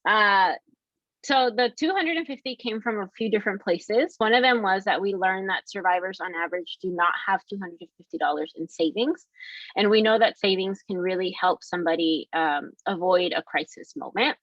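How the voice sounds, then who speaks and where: A woman's voice: mid-range voice, normal speed, a bit bright, no echo. A woman hosting a webinar question and answer session in a friendly way, reading audience questions aloud. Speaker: webinar host. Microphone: video call. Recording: dry, muffled call audio.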